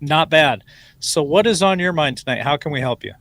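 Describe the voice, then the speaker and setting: A man's voice: fairly high pitch, lively intonation, a bit bright, no echo. Man hosting a call-in show. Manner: brisk, takes calls. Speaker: host.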